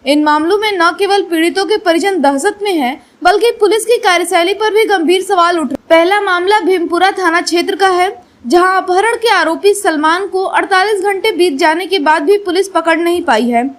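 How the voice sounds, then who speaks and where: Female news voice-over, very high pitch, formal and steady. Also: moderate pace. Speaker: news narrator.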